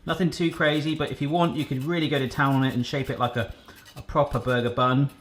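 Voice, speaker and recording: Here a man hosts a cooking vlog, explaining baking steps in his kitchen with easygoing chat and jokes. His pitch is medium with fairly even intonation, his pace quick and his tone fairly bright. The room is echoey, with faint noise.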